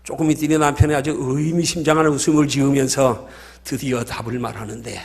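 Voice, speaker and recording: A man's voice: medium pitch, steady tone, a little fast. A male pastor preaching a sermon, emphatic and full of stories.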